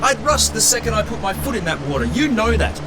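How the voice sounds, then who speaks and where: A man's voice: high-pitched, big pitch swings, a little fast, music in the background. A man playing an irritable, sarcastic tin man in an audio drama, with a snappy, exasperated delivery.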